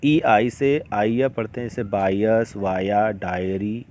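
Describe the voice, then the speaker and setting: A man teaching English to beginners, explaining slowly and patiently with many examples. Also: fairly low pitch, fairly even intonation, darkish tone, slight background noise. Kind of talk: beginner classroom-style lesson.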